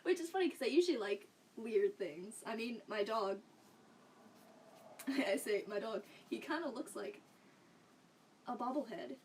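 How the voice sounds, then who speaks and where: A woman's voice: a little high, expressive, measured pace, long pauses, a little mellow. A young woman livestreaming from a room at home, chatting casually with her viewers in a rambling way and laughing often. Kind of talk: casual chat with stream viewers. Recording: slightly distant mic, faint background noise.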